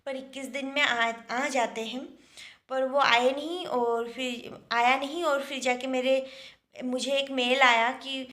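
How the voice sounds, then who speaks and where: A woman's voice: high-pitched, steady tone, measured pace, fairly bright tone. A young woman chatting casually in a daily home vlog, rambling with many fillers. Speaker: vlogger.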